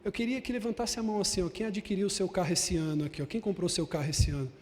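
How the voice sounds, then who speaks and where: A man with a high-pitched voice preaching a sermon in a church, hammering his lines through emphatic repetition. His voice rings out with the long reverb of a big hall, and he keeps turning to the congregation as brother. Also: steady tone, racing, a little mellow. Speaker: bishop preaching.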